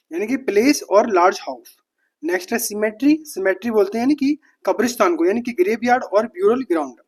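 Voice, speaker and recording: A teacher working through a rapid-fire vocabulary list in a steady, matter-of-fact rhythm. Each word gets named, repeated once, then glossed, with quick self-corrections on the fly. The pitch sits right in the middle. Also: breathy edge. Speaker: exam-prep vocabulary teacher.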